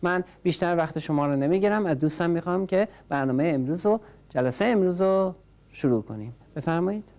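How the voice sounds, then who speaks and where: A woman with a low, mellow voice teaches a small class of learners. She speaks patiently and repeats each word several times. She calls on each learner to say it back. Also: lively intonation. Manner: patient, drills words by repetition and prompts learners. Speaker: English teacher. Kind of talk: classroom language lesson.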